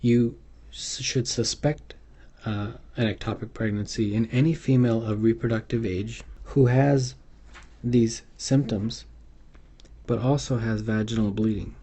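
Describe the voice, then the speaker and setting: A man's voice: mid-range voice, fairly even intonation, a little slow, warm tone. A man giving an unscripted medical exam tutorial over slides, hesitant and full of fillers and restarts. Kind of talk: unscripted instructional lecture.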